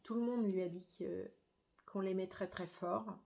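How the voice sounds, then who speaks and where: A middle-aged woman giving a grieving personal testimony, halting and subdued, with frequent hesitations. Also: mid-range voice, steady tone, vocal fry, darkish tone. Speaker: bereaved daughter.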